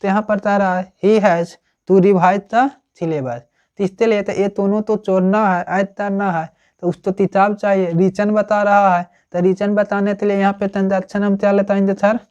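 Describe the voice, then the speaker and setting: A teacher giving a grammar lesson, explaining slowly and checking in with the class after almost every phrase. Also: mid-range voice, flat delivery, darkish tone, clear, resonant tone, dull audio. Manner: slow, repetitive, checks with "ठीक है ना?" often.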